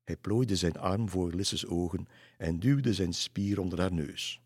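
A man reading a children's story aloud in a calm, measured way. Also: low voice, slightly rough, no echo, studio quality.

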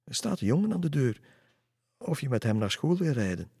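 A man's voice: lowish voice, animated, normal speed, darkish tone, breathy edge, no echo, studio quality. A man voicing a strict, caring mother with a firm, scolding manner while reading a storybook aloud. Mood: stern.

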